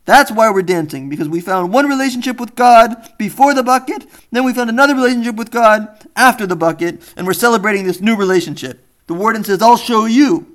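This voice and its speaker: A man's voice: high-pitched, fast talker, hardly any pauses, a bit bright. A man giving a spoken Torah lesson, earnest and telling stories with quoted dialogue. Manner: earnest, storytelling with acted quotes. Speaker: rabbi teacher.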